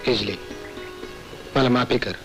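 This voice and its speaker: An actor playing a gentle earnest young lover. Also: male voice, mid-range voice, steady tone, slow, faint music behind, natural voice. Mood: tender. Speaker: film character. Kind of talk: 1980s film acting.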